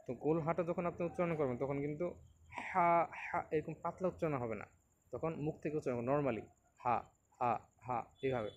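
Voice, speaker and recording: A man teaching a beginners' reading lesson, patiently explaining and repeating each letter slowly for learners to copy. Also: mid-range voice, darkish tone, muffled recording, slight background noise. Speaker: Quran teacher.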